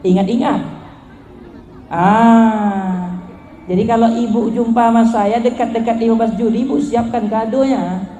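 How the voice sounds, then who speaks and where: A man's voice: high voice, warm tone, slight background noise. A male preacher, telling funny stories in a colloquial sermon at a gathering. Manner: joking, colloquial, acts out dialogue. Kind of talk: humorous sermon storytelling. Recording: echoey hall, faint crowd.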